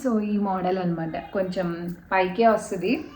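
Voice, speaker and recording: A woman's voice: mid-range voice, measured pace, a little mellow. Chatty woman vlogging in a roomy room. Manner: chatty, mixes English fillers like "so" and "and" into her talk. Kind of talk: casual show-and-tell vlog. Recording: roomy home room with faint background noise.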